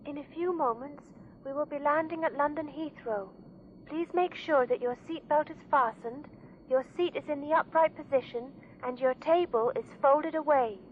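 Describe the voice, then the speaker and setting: A woman's voice: high-pitched, moderate pace. A woman making polite, formal cabin announcements over a plane's intercom. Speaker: flight attendant. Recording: tinny intercom with faint noise.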